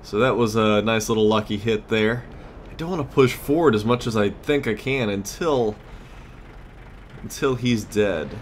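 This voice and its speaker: Speaking at a normal speed in a lowish voice, this let's play host chats casually through his gameplay, muttering to himself and letting out exclamations. Game ambience and clear background noise fill the recording.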